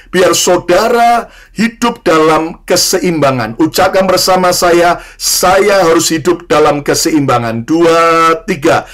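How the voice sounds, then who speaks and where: A man preaches in a notably high voice. He has the congregation repeat his lines back to him and drops in light jokes, calling his listeners brothers and sisters. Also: a bit bright. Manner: leads the congregation in call-and-response repetition. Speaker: pastor. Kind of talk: sermon.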